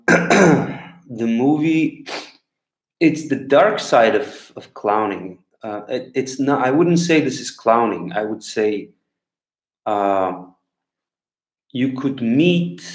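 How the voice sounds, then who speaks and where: A clown in his thirties from Bulgaria, with a mid-range voice and a Bulgarian accent in English, takes viewer questions in a relaxed chat to camera. He rambles at an unhurried pace, stopping to find words. He's at a desk in a small room at home, recorded on a laptop webcam mic in an echoey space.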